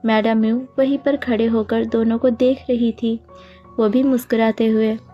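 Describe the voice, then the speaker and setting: A woman narrating a fan-fiction story in a steady, plain storytelling manner. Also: on the high side, moderate pace. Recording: dull lo-fi audio with faint music.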